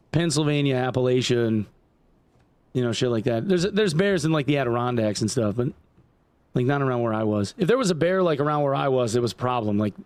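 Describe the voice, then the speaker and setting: A gaming streamer in his forties from upstate New York chats casually with his livestream audience while playing, swearing and rambling with lots of "like" and "dude." His mid-range voice is a little mellow, with no room sound.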